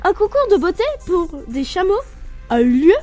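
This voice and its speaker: A teenage girl runs a quiz game on a student radio show. Her voice is very high, and she sounds lively and teasing as she bosses the table. Faint music plays behind her. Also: moderate pace.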